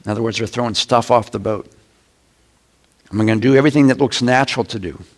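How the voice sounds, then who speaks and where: A middle-aged man, a pastor, preaching a conversational sermon with sudden loud shouts. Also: medium pitch, fast talker.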